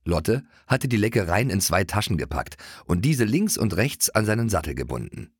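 A man narrating a children's audiobook in an expressive, playful way. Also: on the low side, moderate pace, husky, no echo, studio quality. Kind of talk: scripted narration of a children's book.

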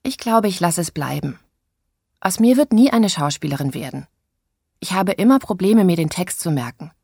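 A high, slightly breathy young girl, as a woman reader puts her on, dreamy and given to melodrama. She talks on eagerly in a dry, close storybook recording. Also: animated, normal speed, mellow, no room sound, exaggerated voice. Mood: chatty. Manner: theatrical, then hesitant and chatty. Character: excitable young girl, dramatic, forgetful, dreamy.

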